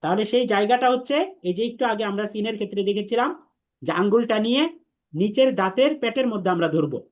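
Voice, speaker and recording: A Quran teacher with a high-pitched voice runs an online class on Arabic letters. He patiently says each letter sound slowly, over and over, and leads the class through drills.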